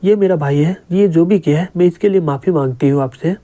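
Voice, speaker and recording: A man's voice: on the high side, brisk, dark tone, natural voice. A man voicing a scheming young woman. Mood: pleading.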